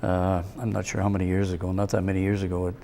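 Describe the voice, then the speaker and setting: A man who once worked in radio answers questions in a plain, easygoing way, trailing off at the end. His voice is very deep and gravelly, with a dark, mellow tone. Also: monotone, fast, a little hiss or hum. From Alberta, Canada. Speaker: guest, former radio broadcaster. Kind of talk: interview answers.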